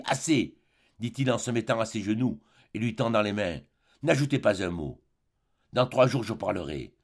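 A man reading an audiobook, voicing a naive, timid young male artist who speaks hesitantly and earnestly. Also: medium pitch.

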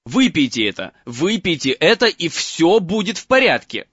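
A man's voice: a little high, sing-song, normal speed, fairly bright tone, slightly rough, dry recording, muffled recording, voice pushed up, exaggerated voice. A man voicing a desperate teenage boy wizard urging an old man to drink, in an audiobook reading. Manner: urgent desperate coaxing.

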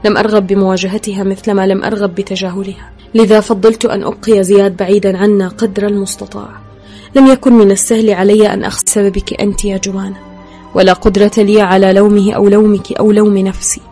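A woman's voice: mid-range voice, little pitch movement, fast, mellow, soft background music. A woman reading a novel aloud in an intimate first-person style. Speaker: audiobook narrator. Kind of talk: scripted narration.

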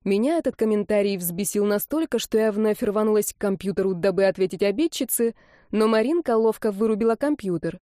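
A young woman narrating a first-person audiobook in a lively, expressive way. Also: medium pitch, brisk, no room sound, studio quality.

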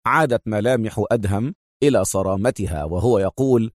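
A man narrating a spy adventure novel as an audiobook in an expressive storytelling manner. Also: medium pitch, normal speed, dry recording, clean studio sound. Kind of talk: dramatic scripted narration.

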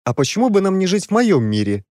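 A man's voice: mid-range voice, sing-song, normal speed, a little mellow, dry recording. A naive, lovesick young prince, as a male reader puts him on, gushing in a raised, eager voice. The storybook recording is dry and close. He sounds wide-eyed and earnest.

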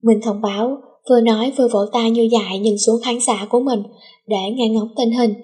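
A woman narrating a novel as an audiobook, reading in a steady storytelling manner with a breathy voice. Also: a little high, brisk.

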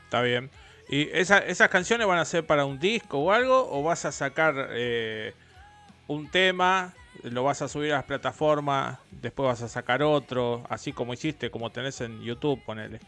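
A man's voice: medium pitch, animated, moderate pace, pushed and bright, faint music behind. A man in his forties with an Argentine accent, hosting a casual radio interview in a chatty, rambling, opinionated way. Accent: Argentine Rioplatense. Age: 40s. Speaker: radio host.

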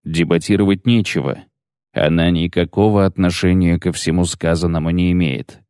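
A weary, skeptical swordsman, as a male reader plays him, low and slow, with clipped sardonic replies. His dark, mellow voice sits close and dry in a storybook reading. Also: steady tone, clear, resonant tone, no room sound, lightly acted. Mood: curt. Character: gruff, terse male witcher, weary and skeptical.

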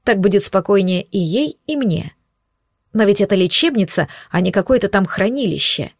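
A woman narrates an audiobook with an even, wry delivery. Her pitch sits in a middle range. The sound is dry and close. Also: moderate pace, vocal fry, dry recording.

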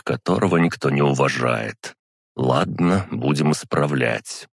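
A man narrating a first-person audiobook in a measured, dry storytelling manner. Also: a bass voice, gravelly, no room sound.

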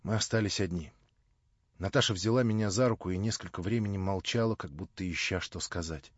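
Male audiobook narrator, measured delivery, dry close-miked recording. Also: low voice, no echo, dull audio. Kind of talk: scripted literary narration.

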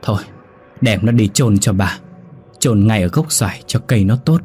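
A man's voice: on the low side, moderate pace, soft background music, lightly acted. Man doing a scolding older lady of the house. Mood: brusque. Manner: sharp, scolding, orders servants. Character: stern older woman, mistress of the house, irritable.

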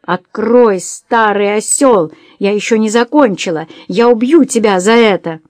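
A woman voicing a hot-tempered young waitress who shouts and threatens in a shrill, raised voice. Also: normal speed, no echo, lightly acted. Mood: furious.

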